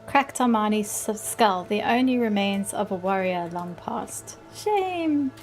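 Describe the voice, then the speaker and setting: A woman's voice: mid-range voice, animated, measured pace. A woman livestreaming a game, giving casual commentary and reading quest dialogue aloud. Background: game music.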